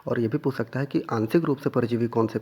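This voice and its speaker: A man's voice: medium pitch, quick pace, a little mellow, slightly rough. A man teaching an exam revision lesson, asking questions and answering them himself, stressing the key points again and again. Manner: repeats key points and quizzes listeners with questions.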